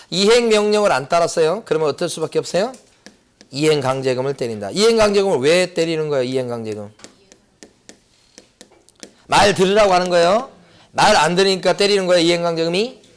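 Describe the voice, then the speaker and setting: A man's voice: on the high side, quick pace. A middle-aged man giving an exam prep lecture, asking rhetorical questions and repeating key points. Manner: lively, rhetorical questions and repetition.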